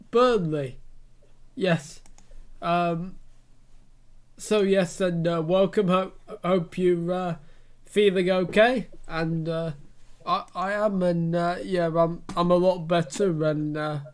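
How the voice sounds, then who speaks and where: A man opening a football stream while getting over a cold, hesitant and halting. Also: high-pitched. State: has a cold. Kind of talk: casual stream intro.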